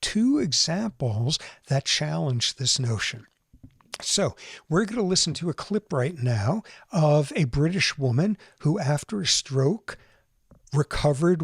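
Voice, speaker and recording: Male podcast host, lecture-style explainer, animated, slightly high voice, dry close sound. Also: slow pace, husky, no room sound. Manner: explanatory, animated, mimics accents briefly. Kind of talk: conversational lecture.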